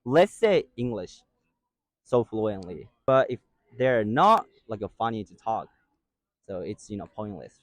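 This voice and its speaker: Animated male street interviewer. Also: fairly low pitch, measured pace. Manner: frequent murmured agreement, animated questions. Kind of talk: casual interview.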